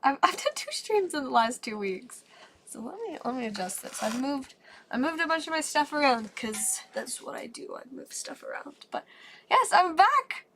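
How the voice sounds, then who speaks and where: A woman with a high, sing-song, slightly bright voice chats at a normal pace on a live stream as she opens trading cards, with a little hiss or hum in the background. She's a bit congested and her voice hasn't fully come back, but she stays upbeat and rambles casually.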